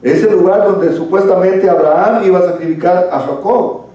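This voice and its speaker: A man's voice: sits high, normal speed, mellow. A man leading a church Bible study lesson, explaining at length and addressing listeners as brother, recorded from a distance in a church hall. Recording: echoey room, far from mic.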